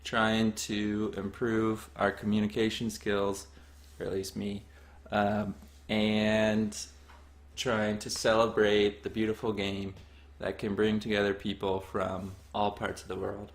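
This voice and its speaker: A young man co-hosting a soccer coaching podcast, easygoing and quick to laugh. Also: fairly low pitch, completely flat delivery. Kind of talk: casual podcast chat.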